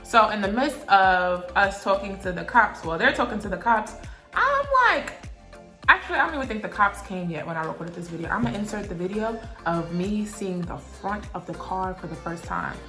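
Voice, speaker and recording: A young woman vlogger telling a story in a casual, animated way, swearing often and getting emotional. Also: mid-range voice, brisk, few pauses. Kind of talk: storytime vlog. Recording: echoey room with faint music.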